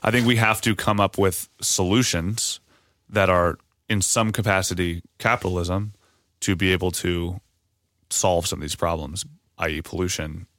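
Deep-voiced rambling podcast guy. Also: fairly even intonation, moderate pace, a bit bright, dry recording, studio quality. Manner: rambling, restarts, swears often. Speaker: podcast host. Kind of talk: casual chat.

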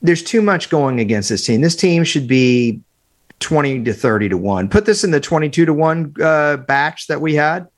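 A man's voice: fairly high pitch, normal speed. Opinionated man on a remote sports podcast. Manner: animated, opinionated, talks in bursts with fillers. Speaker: podcast co-host, football analyst. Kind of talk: casual sports podcast chat.

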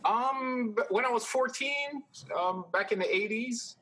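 Bright-voiced man with many ums. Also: very high voice, unhurried, rough recording. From Jamaica. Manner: relaxed, hesitant with many ums. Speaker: guest handicapper. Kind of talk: casual conversation.

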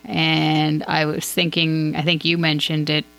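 Gravelly low-voiced woman on a sports podcast. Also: completely flat delivery, a little slow, a bit bright, faint music behind. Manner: rambling, thinks aloud. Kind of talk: casual hockey commentary.

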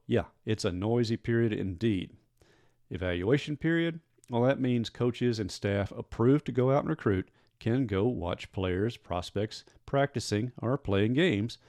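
A man talks recruiting news on his solo podcast, wry and easygoing. His voice sits on the low side. The sound is close and dry, with no room behind it. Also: darkish tone, no room sound. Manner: wry, conversational, self-mocking asides. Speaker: sports beat reporter and podcast host.

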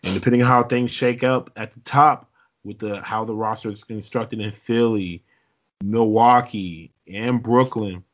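Male podcast host, relaxed and casual, lo-fi sound. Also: on the low side, unhurried. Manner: laid-back, self-deprecating, with filler words. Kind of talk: casual sports podcast chat. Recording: slightly dull lo-fi audio.

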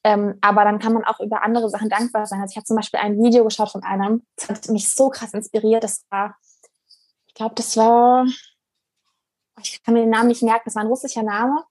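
A woman's voice: fairly high pitch, flat delivery, fairly quick, a little mellow, slightly rough, no echo. Earnest young woman, dry close sound. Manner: earnest, reflective, many fillers and restarts. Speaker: guest. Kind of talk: casual interview conversation.

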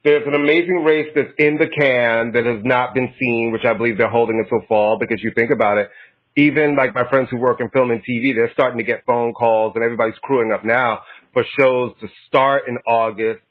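A man's voice: mid-range voice, steady tone, a little fast. Guy cohost explaining stuff at length, sounds like a phone line. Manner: explanatory, insider talk, repeats himself. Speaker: podcast co-host. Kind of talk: casual chat.

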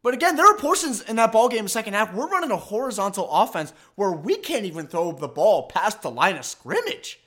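A man's voice: high-pitched, very animated, brisk, hardly any pauses, bright, forceful tone. A man hosting a sports podcast, ranting emphatically and with exasperation about his team's loss. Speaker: podcast host. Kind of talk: fan sports commentary podcast.

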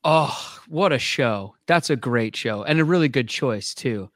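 A man's voice: mid-range voice, expressive, unhurried, a bit bright, dry recording, clean studio sound. A man, an actor, chatting casually as a guest on a radio show, in a rambling, easygoing way and laughing often. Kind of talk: casual radio interview chat.

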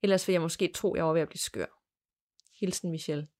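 A woman hosting a podcast, reading a listener's ghost story aloud in a measured, plain storytelling manner. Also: fairly low pitch, steady tone, darkish tone. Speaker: podcast host.

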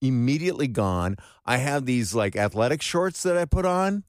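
A man's voice: mid-range voice, lively intonation, moderate pace, no echo. A man hosting a morning radio show, moving between upbeat announcements and casual banter in a radio studio. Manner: morning show host delivery.

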